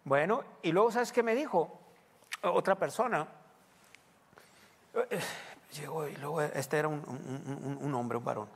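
A man's voice: fairly high pitch, a little slow, long pauses, husky. Man, pastor, conversational sermon, long church-hall reverb. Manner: conversational preaching, asks the congregation questions.

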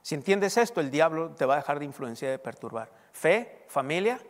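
A male pastor with a high-pitched voice delivers a teaching sermon, throwing questions out to his congregation and waiting for their answers. His voice rings with a long reverb, recorded in a church hall. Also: sing-song, a little fast.

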